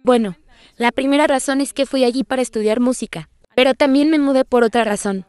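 A woman in her twenties, a talent show contestant, giving soft brief answers. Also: high voice, a little fast, clean tone, no echo. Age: 20s. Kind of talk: dubbed television talk.

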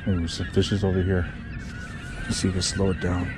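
A man vlogging from a kayak, giving relaxed, casual commentary to the camera between casts, recorded on a chest-mounted action camera outdoors. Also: sits low, moderate pace, noisy background. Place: on a kayak out on open water.

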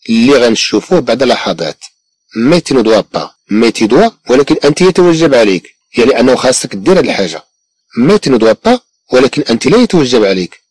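A man with a Moroccan Arabic accent teaching a French lesson, slowly repeating example sentences and explaining them. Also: medium pitch, darkish tone, breathy edge, no echo. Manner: slow, deliberate repetition of example sentences. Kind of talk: bilingual classroom lesson.

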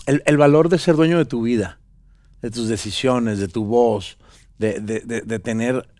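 A man in his thirties with a Venezuelan accent, a guest actor talking casually in an interview, relaxed and rambling with many fillers and restarts, on a studio set with a headset mic. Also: medium pitch, dry recording. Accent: Venezuelan Spanish. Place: pink-decorated talk show studio set. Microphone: small headset mic.

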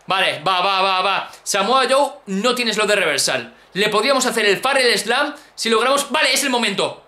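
Young Spanish man, bright sharp tone, animated gaming commentary in an echoey room. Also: high-pitched, normal speed. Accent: Peninsular Spanish. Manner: excitable, exclaims and repeats phrases, addresses viewers. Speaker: gaming YouTuber. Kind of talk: excited let's-play commentary.

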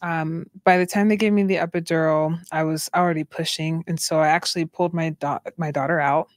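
A woman's voice: low voice, fairly even intonation, fairly quick, dry recording, clean studio sound. A young woman, a doula and midwife, telling her own story earnestly as a guest, with many casual fillers. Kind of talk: candid personal storytelling.

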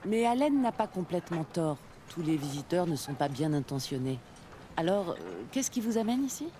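A woman's voice: fairly low pitch, big pitch swings, moderate pace, mellow, slight background noise. An actress voicing a firm woman who leads a harbor town in a video game, giving orders with authority. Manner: firm, commanding. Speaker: game character.

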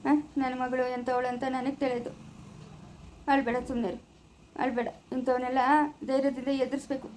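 Brief: woman as a resigned poor village father, soothing and pleading, Chikkaballapura Kannada accent, high voice. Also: darkish tone, slight background noise, close to an everyday voice. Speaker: actor in a family drama. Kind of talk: village family drama acting.

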